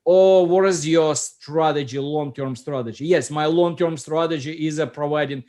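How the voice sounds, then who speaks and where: His voice is on the high side and darkish, delivered at a moderate pace. The middle-aged, Russian-accented founder of an app hosts an informal video chat about it, frequently reaching for words.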